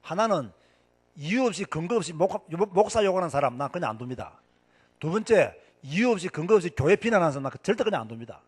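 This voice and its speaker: A male pastor preaching with fire and a hot temper, his voice husky and set high. He swings widely in pitch, drives each point home by repeating it, and keeps throwing questions out to the congregation. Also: sing-song, fast. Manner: emphatic, repeats lines for stress, asks the crowd questions; self-described hot-tempered and impatient. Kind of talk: fiery sermon to church officers.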